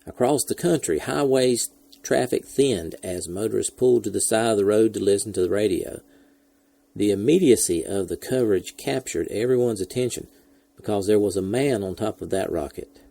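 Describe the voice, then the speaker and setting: A man hosting a podcast, telling history in a steady, measured scripted narration. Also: lowish voice, vocal fry, no room sound. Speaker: podcast host.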